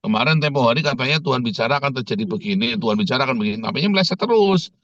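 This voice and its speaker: A pastor preaching a sermon, telling humorous stories and jumping high in pitch when he quotes others. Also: animated, very fast, fairly bright tone, dry recording, dull audio.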